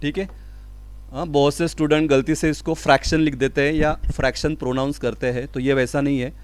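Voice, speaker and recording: A man teaching school physics in a lecture, explaining step by step, asking and answering his own questions, and reading out definitions slowly. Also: fairly high pitch, fairly even intonation, smooth. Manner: mixes Hindi with English terms, reads definitions slowly. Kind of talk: classroom lecture.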